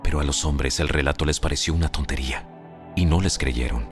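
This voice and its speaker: A man narrating a dramatized Bible in a booming, solemn, scripted manner. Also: fairly quick. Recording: music under the voice.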